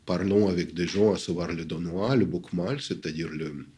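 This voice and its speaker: A man's voice: low voice, normal speed, dark tone, a little hiss or hum. A man with a foreign accent, answering interview questions as a literature scholar, hesitant with many fillers and self-corrections. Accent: foreign accent in French.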